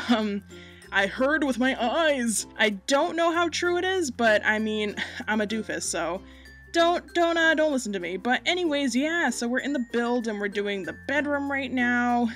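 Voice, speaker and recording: A woman's voice: on the high side, animated, measured pace, fairly bright tone, soft background music. A chatty, self-deprecating woman from Massachusetts, rambling through a casual home voiceover over gameplay while recorded under a blanket. She breathes audibly and laughs often. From Massachusetts, United States. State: breathing audibly, getting hot. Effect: muffled, recorded under a blanket. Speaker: gaming YouTuber.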